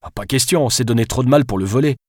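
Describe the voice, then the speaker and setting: A man's voice: mid-range voice, fast, darkish tone, no echo, clean studio sound, pitched above the performer's own voice, lightly acted. A man voicing a frustrated, stubborn man on the run in an audiobook, talking in a grumbling, defensive way. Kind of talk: audiobook character voice.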